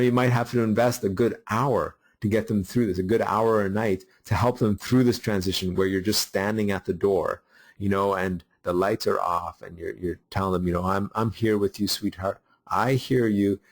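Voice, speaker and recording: Middle-aged male webinar host, lowish voice, unscripted and rambling, keeps restarting his sentences. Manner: halting, many fillers and restarts. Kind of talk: unscripted teaching talk.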